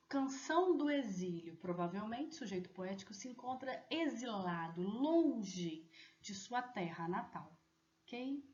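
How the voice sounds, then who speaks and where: A woman teacher explaining a lesson deliberately, often checking in with students. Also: mid-range voice. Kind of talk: recorded online lesson. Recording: echoey, dull lo-fi room audio.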